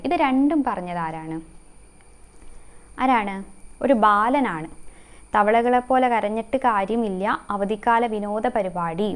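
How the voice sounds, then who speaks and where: A woman's voice: mid-range voice, smooth. A young woman teaching an exam-prep lesson, quizzing the listener, repeating the answers and linking facts with memory tricks. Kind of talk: online lesson.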